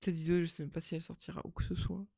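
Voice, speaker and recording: A woman's voice: on the low side, flat delivery, very fast, gravelly, warm tone, no echo. A woman in her twenties talking to camera in a casual, rambling and self-mocking monologue that slips in English phrases. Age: 20s. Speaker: vlogger.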